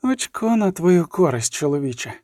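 An ironic elf drawing out his words, slightly lower and slower than the narrator, as a man puts him on. Dry, close sound. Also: big pitch swings, a little mellow, no room sound. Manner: drawling, ironic. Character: drawling ironic male elf.

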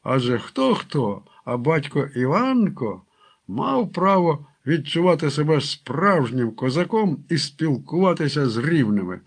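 A man narrates a storybook tale at an easy pace. His voice sits a little higher than most men's, and he gives the characters a light touch of their own voices when they speak. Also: sing-song, unhurried. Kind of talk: audiobook narration with character quotes.

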